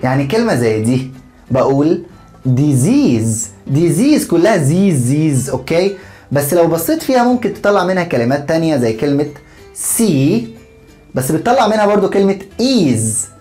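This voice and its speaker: A man with an Egyptian Arabic accent teaching English pronunciation, repeating words slowly and checking in with his students. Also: fairly high pitch, very animated, a little mellow, reverberant, faint music behind. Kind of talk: online lesson, modelling word pronunciation.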